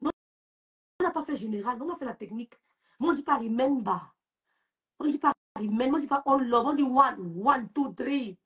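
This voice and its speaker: A woman's voice: high voice, animated, fast talker, fairly bright tone. A young woman with a Cameroonian French accent, hosting a social media live and scolding and mocking a rival in a taunting rant. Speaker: live-stream host.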